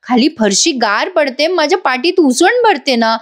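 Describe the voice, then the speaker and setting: A woman doing a stubborn young wife who gives orders and will not back down. Her voice sits fairly high and is insistent. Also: animated, measured pace. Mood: bossy.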